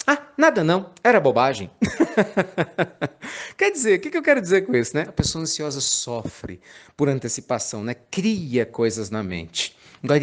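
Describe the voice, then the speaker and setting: A man giving an informal sermon, chatty and playful, full of tag questions. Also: fairly high pitch. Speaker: spiritist preacher.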